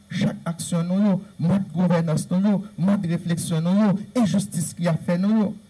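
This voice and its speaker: A man speaking on Haitian history gives an earnest, lecture-style talk in a Haitian Creole accent, hammering home points with repeated lists. His voice is on the high side, warm and husky, and the recording quality is low.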